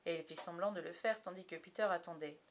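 Woman, storybook narration, soft, confiding. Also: lowish voice, fast. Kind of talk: storybook reading.

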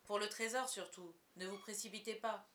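A woman voicing a calm, dutiful middle-aged male ship's doctor who speaks measured and earnest. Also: mid-range voice, natural voice.

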